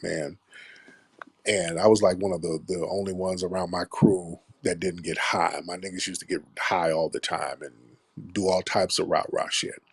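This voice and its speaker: Low husky-voiced host, blunt and profane. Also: male voice, no room sound. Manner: blunt, profane street storytelling. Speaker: show host taking callers. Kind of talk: casual live-stream talk.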